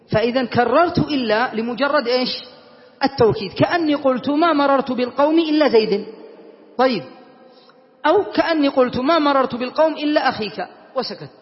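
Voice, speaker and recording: A man teaching a classroom grammar lesson, often quizzing his students and reciting verses slowly and deliberately. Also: extremely high pitch. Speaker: teacher explaining Arabic grammar. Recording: lo-fi, reverberant classroom recording.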